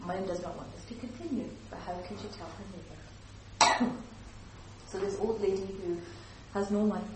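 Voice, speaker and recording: A woman trainer leading a lively workshop, slipping into little acted-out voices as she explains. She is recorded from across a very echoey room, so she sounds distant and hollow. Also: mid-range voice, moderate pace, heavy background noise. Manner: lively, acts out example speakers. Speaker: teacher trainer.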